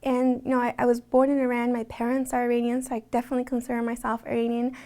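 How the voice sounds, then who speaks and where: A woman's voice: a little high, monotone, fast talker, mellow. A woman speaking earnestly in a reflective documentary interview, talking conversationally with frequent restarts.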